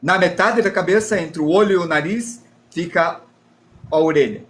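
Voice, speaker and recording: Brazilian guy teaching drawing live, kinda high voice, chatty and jokes about himself a lot. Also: moderate pace. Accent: Brazilian Portuguese. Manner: chatty, self-deprecating, explains while drawing. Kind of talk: live drawing lesson, reading chat.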